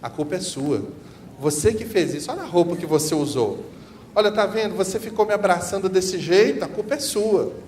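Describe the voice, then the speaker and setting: A man's voice: high-pitched, animated, a little fast, a little mellow, a little hiss or hum, pitched above the performer's own voice. A man voicing a manipulative male abuser who accuses a child and blames them. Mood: accusing. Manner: accusing, blaming. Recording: reverberant hall.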